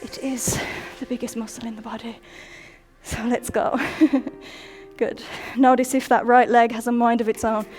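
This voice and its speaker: A woman's voice: on the high side, flat delivery, unhurried, a little mellow. A young woman instructing a workout over music in an upbeat coaching manner, counting down reps and sometimes out of breath. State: out of breath at times. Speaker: fitness instructor.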